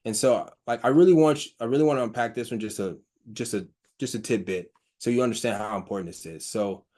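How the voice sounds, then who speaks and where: The speaker is a man giving an informal presentation about hydrogen's health effects, reading quoted findings and unpacking them hesitantly. His low, somewhat dark voice is broken up by filler words, false starts, and a stutter he brings up himself.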